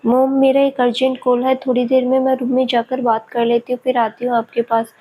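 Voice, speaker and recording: A woman's voice: high voice, flat delivery, fairly quick, highs cut off, slight background noise, lightly acted. A woman reading the part of a self-assured, teasing grown woman in a spoken family story. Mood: chatty. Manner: teasing, chatty.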